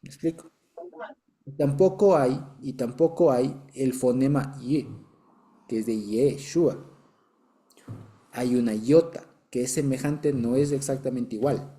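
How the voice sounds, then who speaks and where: A man with an Ecuadorian Spanish accent teaches a Bible study in a warm, mid-range voice at a measured pace. Patient in his explanations, he keeps making sure his listeners are following and chuckles now and then.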